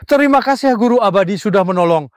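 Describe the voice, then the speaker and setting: Man acting high-voiced, rapid, earnest sect cultivator. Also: expressive, no room sound, clean studio sound. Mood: grateful. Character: respectful, earnest sect cultivator, anxious ally of immortals. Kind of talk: dubbed fantasy drama.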